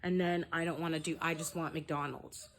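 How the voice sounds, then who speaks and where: A woman's voice: sits low, steady tone, moderate pace, a bit bright. A young woman venting in a casual vlog, frazzled, trailing off and restarting as she talks to her camera. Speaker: vlogger.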